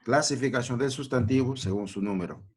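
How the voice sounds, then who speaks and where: A man's voice: mid-range voice, brisk, darkish tone, slightly rough. A man teaching a grammar lesson to children, repeating each point and checking in with short questions.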